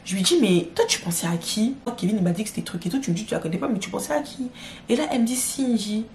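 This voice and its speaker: This storytime has a young woman vlogger excitedly retelling drama in slangy, casual terms, speaking right to her viewers. Her medium-pitched voice moves quickly, with slight background noise and a roomy echo.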